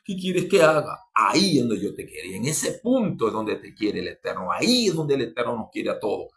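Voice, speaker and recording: A man preaching a sermon, fervent, with sudden rises in pitch and loudness, repeating and restarting phrases as he speaks to his listeners. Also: big pitch swings, brisk, creaky. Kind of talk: podcast sermon.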